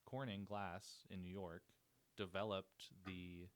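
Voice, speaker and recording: A man's voice: deep voice, flat delivery, takes it slowly. A man from Montana, a guest on a casual podcast, rambling with enthusiasm and swearing casually. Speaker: podcast guest, glass artist. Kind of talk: casual chat.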